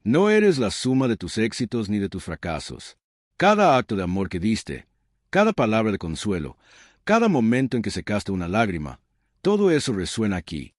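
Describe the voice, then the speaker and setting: A man voicing a radiant, kind divine male being who speaks in a gentle, solemn, measured way. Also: fairly low pitch, huge pitch swings, no room sound, studio quality.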